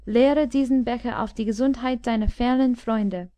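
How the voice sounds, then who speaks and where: A woman reading a loud bullying tyrant king. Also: on the high side, steady tone, normal speed, no room sound, natural voice. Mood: jovial. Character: cruel boisterous male king, jeering tyrant. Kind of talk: audiobook character voice.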